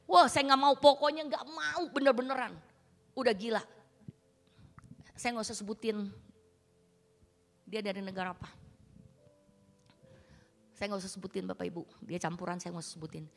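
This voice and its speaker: A woman pastor, preaching a sermon in a colloquial, dramatic storytelling manner. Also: medium pitch. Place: church hall. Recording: reverberant church hall with faint music.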